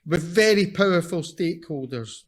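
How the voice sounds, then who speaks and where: A man with a broad Scottish accent giving a conference presentation in a blunt, emphatic, deliberate manner, repeating his key points. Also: fairly high pitch, animated. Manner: slow, deliberate delivery for non-native listeners. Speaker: invited seminar speaker.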